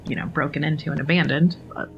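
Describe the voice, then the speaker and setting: Her low, gravelly voice comes quickly and with fairly even intonation, captured in lo-fi sound with a little hiss or hum. She's a gaming streamer chatting and rambling casually while playing, making fun of herself, with game music behind her.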